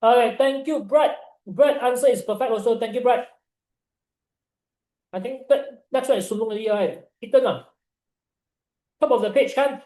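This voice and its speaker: A young man with a Malaysian accent tutoring online in informal, Singlish-like English full of local particles, animated and encouraging. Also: extremely high pitch, normal speed, long pauses, echoey room, low-quality recording. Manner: animated, encouraging, peppering talk with "right" and "ah". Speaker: chemistry tutor.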